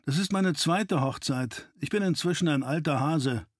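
A male narrator voicing a composed nobleman lawman who speaks with calm, dry understatement. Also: on the high side, normal speed, dry recording, lightly acted.

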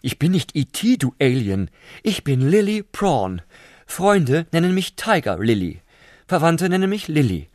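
A man squealing as Lily Prawn, a shrill snooty shrimp. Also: sing-song, unhurried, a little mellow, no room sound, studio quality. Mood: bossy. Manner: squealing, disdainful, bossy. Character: shrill snooty female prawn, panicky and rude.

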